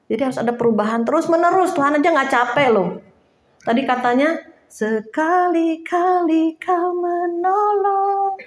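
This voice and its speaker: In an echoey room, a woman with a high, fast voice preaches an informal sermon to a small house church. She's chatty and lively, laughing now and then and acting out little quotes.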